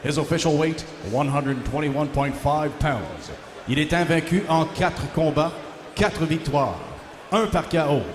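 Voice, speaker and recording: A man's voice: fairly high pitch, unhurried. A man working as a boxing ring announcer, formally introducing fighters in French and English and stretching out names. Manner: bilingual, switching between French and English. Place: large indoor boxing arena, over the PA. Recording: echoey arena sound with faint noise.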